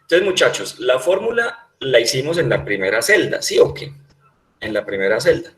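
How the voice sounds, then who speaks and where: A man's voice: medium pitch, big pitch swings, moderate pace, echoey room, low-quality recording. A man with a Colombian Spanish accent teaching a class online, patiently repeating points and checking that his students understand.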